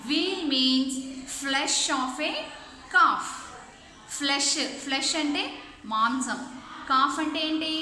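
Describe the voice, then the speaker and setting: A woman's voice: high voice, bright, forceful tone, heavy reverb, slight background noise. A woman English teacher giving an online lesson, spelling words letter by letter and explaining them patiently, often checking whether the class has understood. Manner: mixes English words into her teaching, asks the class questions.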